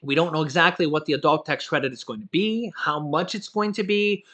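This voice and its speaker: A man with a fairly high voice talks through the political news in a loose vlog style. His tone is bright and forward, and he wanders, restarts and keeps dropping in "you know" and "of course". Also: a little fast. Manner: rambling, full of "you know" and "of course" fillers; self-correcting, loose talk. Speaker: vlogger on stimulus news. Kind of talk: casual political commentary.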